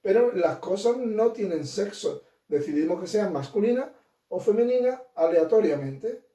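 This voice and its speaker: A male teacher gives a grammar lesson, explaining with lots of examples and rhetorical questions and checking in with students through "¿vale?" and "¿de acuerdo?". His voice sits high and is dark-toned and animated, at normal speed, captured in a roomy space away from the mic.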